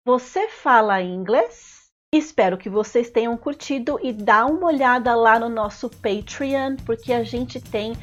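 A woman teaching useful phrases as a language teacher, saying each one slowly and clearly, then repeating it. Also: a little high, lo-fi sound, faint music behind. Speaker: Portuguese teacher. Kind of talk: slow, clear language lesson.

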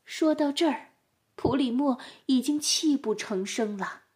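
A woman narrating a storybook with an expressive, animated delivery. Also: sits high, measured pace.

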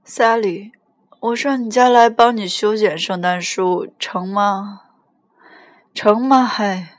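A woman voicing a drunk teenage boy on the phone, slurred, loud and pleading. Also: medium pitch, takes it slowly, no echo, clean studio sound.

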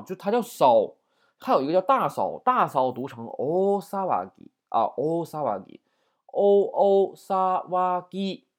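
A man teaching a vocabulary lesson in a chatty way, often asking "right?". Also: mid-range voice. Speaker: Japanese language teacher.

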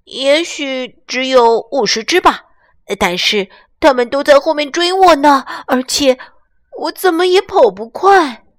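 A woman voicing a frightened little boy bunny in a bedtime storybook, in a high, pleading child's voice. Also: animated, measured pace.

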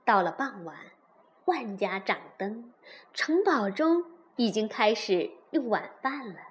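A woman narrating a children's fairy tale, gentle and expressive. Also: medium pitch, slow pace. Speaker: storyteller.

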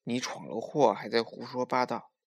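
A man voicing a stern, worried father in a children's story, scolding in a gravelly voice. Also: mid-range voice, normal speed, dry recording, lightly acted.

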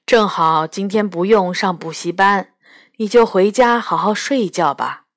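A woman reading a storybook aloud, voicing a caring mother who scolds gently. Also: medium pitch, measured pace, no room sound, pitched below the performer's own voice, close to an everyday voice. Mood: gentle.

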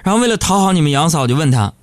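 A man's voice: on the high side, very animated, rapid-fire, dry recording. A man hosting a live comedic radio show, chatting and teasing his listeners.

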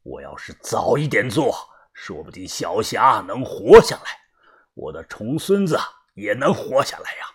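A man voicing a grief-worn 74-year-old man with a hoarse, low, subdued voice. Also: very animated, normal speed, full character voice. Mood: resolute, grieving.

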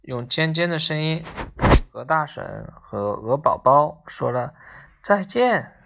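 Slow low-voiced woman reading a story. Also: vocal fry, a bit bright.

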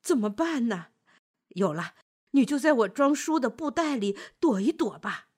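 A woman's voice: on the high side, sing-song, moderate pace, a little mellow, slightly rough. A woman voicing a kind, timid male scholar in a storybook, flustered and stammering.

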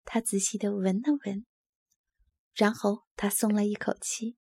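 Breathy woman reading a children's story. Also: medium pitch, measured pace, dry recording. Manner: soft, expressive storytelling.

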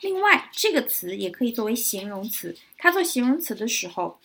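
A woman teaching English vocabulary in a lesson, spelling words out letter by letter and repeating example sentences slowly. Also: a little high, very animated, creaky, a bit bright, breathy edge.

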